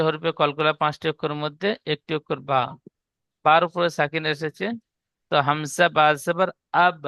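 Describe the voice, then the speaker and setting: A man with a Bengali accent teaching Quran reading in a slow lesson, explaining each rule step by step and having students repeat it aloud. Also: a little high, creaky, bright, forceful tone, smooth, no echo, studio quality. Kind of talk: slow recitation lesson with repetition.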